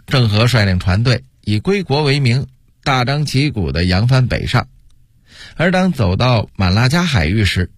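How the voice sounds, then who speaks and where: A male storyteller narrating a historical tale for radio in an expressive, rising and falling delivery, recorded at a studio microphone. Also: mid-range voice, husky, no room sound.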